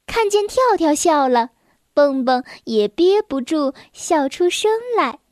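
A woman narrating a children's storybook in a gentle, unhurried manner. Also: sits high, expressive, no echo, studio quality.

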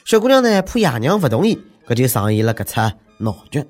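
Sarcastic Shanghai-accented man, lively pitch swings. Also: quick pace, over music. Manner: sarcastic, mocking, conversational delivery. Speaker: host of a comic news commentary show. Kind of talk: humorous news commentary in Shanghainese dialect.

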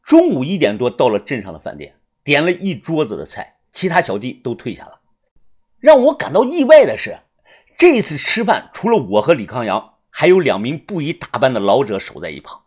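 A man narrates a first-person novel with a punchy storytelling delivery. His voice is husky. His pitch rises and falls with great animation. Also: wildly swooping pitch, moderate pace, darkish tone. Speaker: audiobook narrator.

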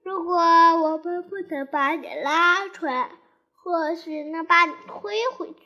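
A woman's voice: extremely high pitch, measured pace, bright, forceful tone, lo-fi sound, full character voice. Christopher Robin, kind and soothing as a woman voices him. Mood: reassuring. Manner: fond, soothing. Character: kind, reassuring young boy.

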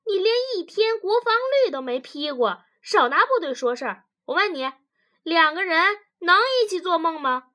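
A woman doing a fierce sharp-tongued wife. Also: high-pitched, sing-song, voice pushed up, full character voice. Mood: indignant. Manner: fierce, cutting, fast retorts. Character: sharp-tongued angry young wife, relentless.

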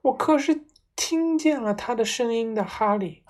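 A woman voicing a frightened mother, shrill and trembling as she talks. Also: lively intonation, measured pace, a little mellow. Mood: panicked. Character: panicky shrill housewife and mother.

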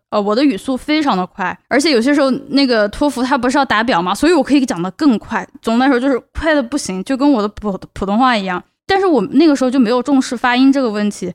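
A young woman from Chongqing, China, hosting a casual solo podcast in a fairly high voice. She talks earnestly and gives advice. She drives points home by repeating words. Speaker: podcast host.

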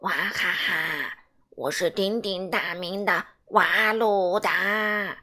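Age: adult. Sex: woman voicing a male alien villain, deep and gloating. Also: bright, forceful tone. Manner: slow, booming gloating. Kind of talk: storybook read-aloud.

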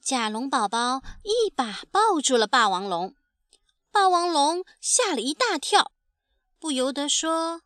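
A woman reads a picture book aloud in a high, lively voice, acting out the sound effects as she goes. Her tone is bright and her pace is slow and careful. The recording is close and dry. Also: dry recording. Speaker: storyteller. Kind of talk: expressive picture-book reading.

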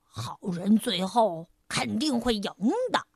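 A woman's voice: mid-range voice, takes it slowly, gravelly, slightly rough, no echo, clean studio sound, pitched below the performer's own voice, exaggerated voice. A woman voicing a big, strong male tiger in a children's storybook reading, with a drawling, smug put-on voice.

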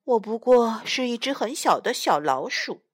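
A woman reading a children's picture book aloud in the first person as a little mouse, slow, gentle and expressive, recorded close up. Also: a little high, breathy edge, dry recording. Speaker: storyteller mother.

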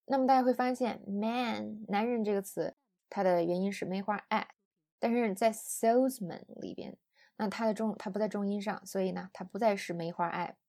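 A woman's voice: mid-range voice, steady tone, normal speed, mellow. A woman teaching English pronunciation in an audio lesson, explaining patiently.

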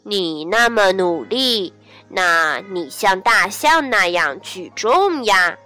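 A woman voicing a sleepy, unbothered male sloth, talking in a drowsy, drawn-out, calm way in a children's storybook. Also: mid-range voice, faint music behind, pitched below the performer's own voice. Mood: teasing.

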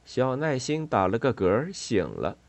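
A man narrating a children's storybook in a calm, even way. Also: medium pitch, moderate pace, no room sound.

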